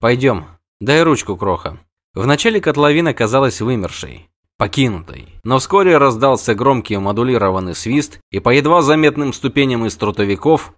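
Male narrator, audiobook narration, lively pitch, expressive reading.

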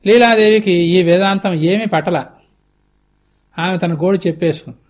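High-voiced man telling a scripture story. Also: moderate pace. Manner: conversational, explanatory, with lively asides. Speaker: spiritual teacher. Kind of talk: religious discourse with storytelling. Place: TV studio.

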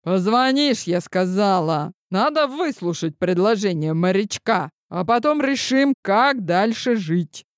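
A woman's voice: mid-range voice, expressive, unhurried, hardly any pauses, no room sound, natural voice. A woman reading the part of a sarcastic grandmother in an audiobook, in a dry, needling manner. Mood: commanding.

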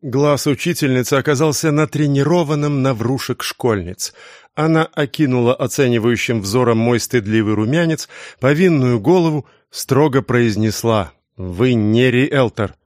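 A man reading a novel aloud in a measured, even storytelling manner. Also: medium pitch, no room sound, clean studio sound. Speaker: audiobook reader. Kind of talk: scripted narration of a novel.

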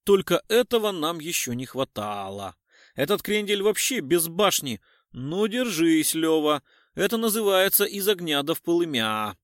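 A man voicing an excitable, blunt male police partner who talks loud and slangy. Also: a little high, normal speed, no room sound, clean studio sound. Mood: alarmed.

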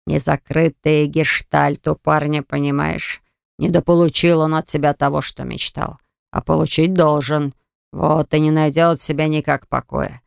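A narrator voicing a domineering, scheming older father who talks in a slow, insinuating and threatening way. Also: mid-range voice, vocal fry, smooth, no echo, studio quality, lightly acted. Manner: insinuating, then threatening and contemptuous. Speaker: storybook character.

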